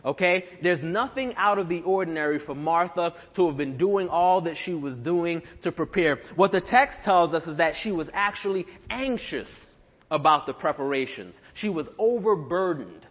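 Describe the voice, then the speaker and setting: A young man preaches a sermon in a relaxed, chatty way, often pausing on fillers and starting phrases over. His voice sits a little high for a man. The sound is dull and lo-fi, with a long reverb from the church hall around him. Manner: conversational, with frequent fillers and restarts. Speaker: pastor. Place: church sanctuary.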